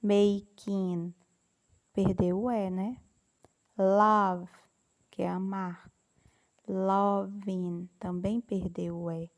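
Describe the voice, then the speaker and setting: Slow, patient woman with a gravelly edge. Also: mid-range voice, little pitch movement, mellow. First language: Portuguese. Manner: slow, patient explaining with repeated examples. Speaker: English teacher. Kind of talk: classroom grammar lesson.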